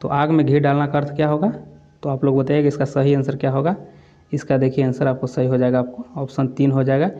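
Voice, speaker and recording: A man's voice: mid-range voice, flat delivery, quick pace, mellow, highs cut off. A man going through exam quiz questions as a coaching teacher, repeating each answer and adding "theek hai" as a filler. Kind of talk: quiz lesson walkthrough.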